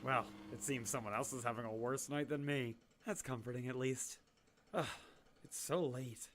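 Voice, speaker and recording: A woman with a bass voice, at normal speed, acts in an audio drama as an awkward young male doctor. The character rambles chattily and keeps poking fun at himself.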